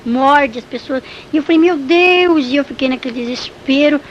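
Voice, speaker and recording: A woman with a fairly high voice tells her religious testimony vividly and with emotion. The recording is slightly dull and carries a faint hiss. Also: steady tone, brisk. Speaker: church testimony speaker.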